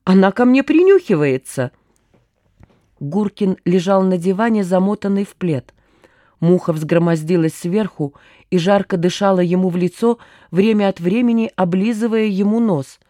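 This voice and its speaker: A woman reads an audiobook in a measured, wry storytelling manner. Her voice is dark and mellow, recorded close and dry with no room sound. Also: mid-range voice, fairly even intonation, no room sound. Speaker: audiobook narrator. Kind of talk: scripted narration.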